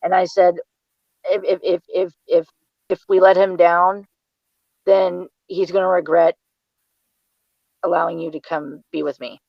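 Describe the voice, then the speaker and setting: Her voice is fairly low, level, and creaky, a little slow, with frequent pauses, no echo, and dull audio. The mother of the interview's subject, she shares her personal recollections as a guest, frequently tripping over and repeating words.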